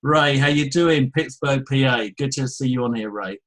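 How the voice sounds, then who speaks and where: A man from England with an English accent, hosting a live webinar and chattily reading out attendees' names with quick asides. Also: mid-range voice, fairly bright tone, low-quality recording. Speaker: webinar host. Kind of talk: casual live webinar welcome. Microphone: headphones with mic.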